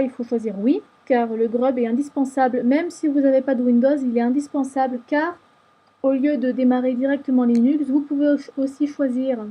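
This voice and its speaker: High, breathy woman explaining software steps. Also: muffled recording. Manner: patient step-by-step explaining. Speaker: tutorial maker. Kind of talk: screen-recorded software tutorial.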